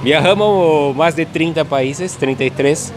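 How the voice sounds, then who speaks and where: A man's voice: on the high side, takes it slowly, over music. A man in his thirties with a Brazilian accent, a native Portuguese speaker, chatting casually and searching for words in non-native Spanish. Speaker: tourist being interviewed. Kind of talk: casual chat. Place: outdoors on a city street. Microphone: phone held nearby by another person. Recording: busy street noise behind.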